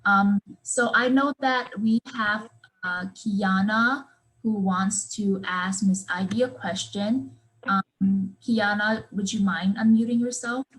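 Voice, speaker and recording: A woman's voice: medium pitch, steady tone, takes it slowly, fairly bright tone, rough recording. A young woman moderating a Q and A on a video call, polite and partly scripted, with many likes and ums. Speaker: student moderator.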